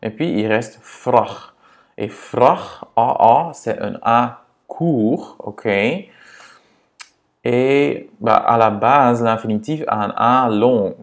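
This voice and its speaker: A man teaching grammar to beginners, patient and repetitive, checking in often with a quick "ok?". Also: medium pitch. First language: Dutch. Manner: patient, repeats words and checks in with "ok?". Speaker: language teacher.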